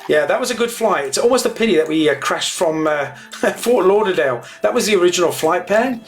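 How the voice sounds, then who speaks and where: A man's voice: high-pitched, animated, brisk. A man chatting casually and informally as he streams a flight simulator to viewers. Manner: matey, informal. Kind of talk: casual livestream chat.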